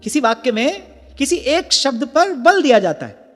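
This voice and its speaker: A man's voice: very high voice, very animated, normal speed, a bit bright. A man giving a devotional discourse, teaching earnestly and working through examples of which word carries the stress. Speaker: devotional preacher. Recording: reverberant hall with faint music.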